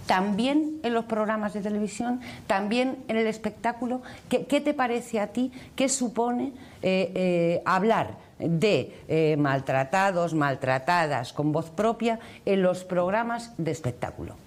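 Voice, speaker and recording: A woman with an Andalusian accent moderating a panel interview in a halting, emphatic way, often rephrasing herself. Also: mid-range voice, slight background noise. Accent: Andalusian Spanish. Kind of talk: broadcast panel interview, conversational.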